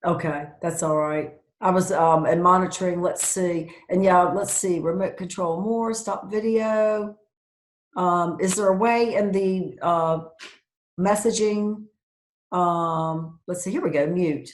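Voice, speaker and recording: A woman's voice: lowish voice, fairly even intonation, takes it slowly, echoey room. A woman professor giving a casual university lecture over a video call, with frequent ums and self-corrections. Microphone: video call computer mic.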